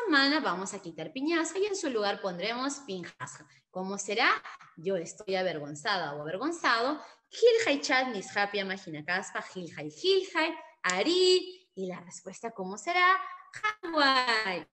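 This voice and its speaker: A woman's voice: medium pitch, very animated, pushed and bright, slight background noise. A woman teaching a language lesson, patiently explaining and drawing out model words and mixing in encouraging words from another language. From Peru. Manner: slow, drawn-out model pronunciations with patient explanations; sprinkles encouraging Quechua words into Spanish.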